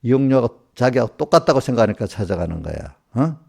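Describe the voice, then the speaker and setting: Pastor guy scolding his flock w lots of questions, gravelly dark voice. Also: mid-range voice, sing-song, quick pace. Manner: scolding, asks one rhetorical question after another. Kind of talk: small-group sermon addressing congregants directly.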